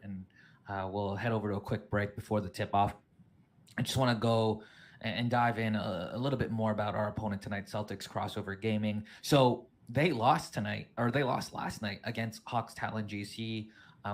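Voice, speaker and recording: Upbeat low-voiced male show host. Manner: upbeat, leads questions to guest. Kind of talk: live show hosting.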